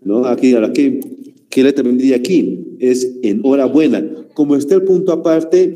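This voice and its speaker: A man with a Bolivian Spanish accent leads a grammar lesson at an unhurried pace, his dark voice rising and falling a lot. He keeps asking his students little questions as he explains each point. Long reverb hangs behind him. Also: medium pitch. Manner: slow explaining teacher, asks rhetorical questions ending in ¿no?. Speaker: teacher. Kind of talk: online class lesson.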